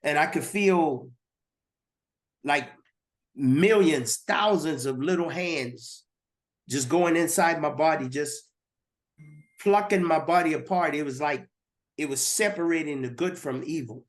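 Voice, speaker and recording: A man's voice: fairly high pitch, unhurried, long pauses. Earnest man telling his testimony. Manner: earnest, repeats words when stirred. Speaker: guest. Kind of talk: personal testimony.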